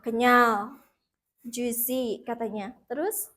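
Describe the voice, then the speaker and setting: A woman teaching an English lesson in a classroom, mixing two languages and leading slow repeat-after-me drills. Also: on the high side, a bit bright.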